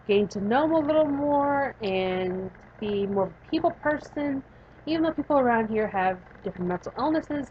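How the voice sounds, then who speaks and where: A woman hosting a let's-play video, playful and animated, her throat sore from voicing characters. Her voice sits fairly high, recorded on a dull, lo-fi home mic with a faint hiss behind it. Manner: animated, playful, drawling outro. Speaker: game video host.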